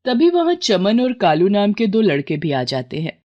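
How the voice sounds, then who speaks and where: A woman narrating a cartoon horror story in steady storybook style. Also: mid-range voice, normal speed, muffled recording. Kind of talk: scripted narration.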